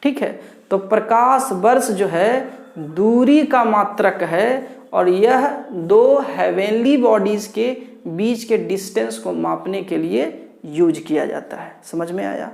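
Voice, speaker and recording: Slow, drilling woman teacher in echoey room. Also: medium pitch, creaky, darkish tone. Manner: repeats key points and drills students with rhetorical questions. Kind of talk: online exam-prep lecture.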